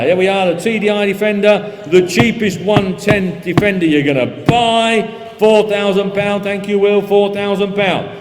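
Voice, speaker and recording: A man working as an auctioneer, calling live bids in a rapid, repetitive patter. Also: high-pitched. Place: large reverberant auction room. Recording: echoey hall PA, music behind.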